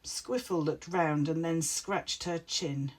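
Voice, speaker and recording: A woman reading her own rhyming picture book aloud in an expressive storytelling manner. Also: sits low, takes it slowly. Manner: expressive, warm rhyming delivery.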